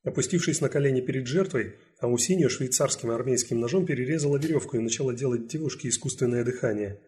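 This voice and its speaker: A man narrating an audiobook thriller in a steady, even storytelling manner. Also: medium pitch, fast. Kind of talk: scripted narration.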